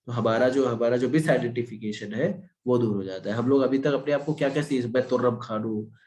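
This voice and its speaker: A man's voice: mid-range voice, fairly quick. Man teaching scripture, echoey room. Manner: animated, asks and answers own questions. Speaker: Gita teacher. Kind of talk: devotional scripture class.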